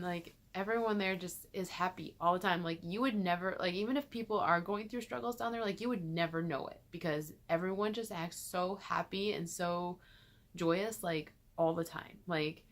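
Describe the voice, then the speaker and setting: A woman's voice: on the low side, moderate pace, a bit bright. A young woman from Michigan talking casually to her camera in a small bedroom, chatty and full of "like" fillers. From Michigan, USA. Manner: chatty, filler-heavy, frequent "like" and laughs. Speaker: vlogger. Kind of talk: casual vlog chat.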